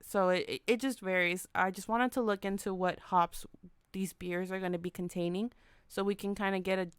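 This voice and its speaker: A woman's voice: mid-range voice, fairly even intonation, normal speed, clean tone, dry recording, clean studio sound. A woman co-hosting a casual beer podcast, reading out hop facts with many restarts and corrections. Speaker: podcast co-host. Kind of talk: casual chat.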